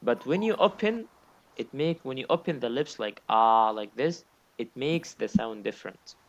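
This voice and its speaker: A male teacher gives a patient one-on-one lesson, going over each point more than once and demonstrating the sounds aloud. His voice sits at an everyday middle pitch for a man. The recording is a little dull and lo-fi. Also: sing-song, moderate pace. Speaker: Quran recitation teacher.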